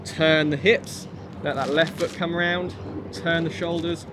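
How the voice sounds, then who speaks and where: Guy with a highish voice teaching martial arts, casual encouraging cues, noisy outside with traffic. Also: steady tone, measured pace. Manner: encouraging, informal, clear step-by-step commands. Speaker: kung fu instructor. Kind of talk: instructional exercise class, counting and cueing. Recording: noisy outdoor recording with traffic ambience.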